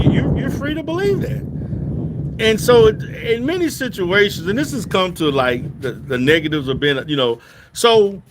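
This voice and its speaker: This very noisy recording captures a high-pitched middle-aged man from Louisiana, a therapist addressing viewers in a casual way. He repeatedly starts sentences over and punctuates his points with an insistent "okay?"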